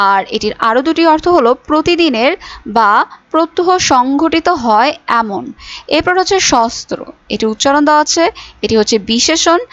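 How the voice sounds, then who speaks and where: A woman's voice: high-pitched, no echo. A woman teacher giving a recorded school lesson, explaining step by step with fillers. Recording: dull lo-fi audio.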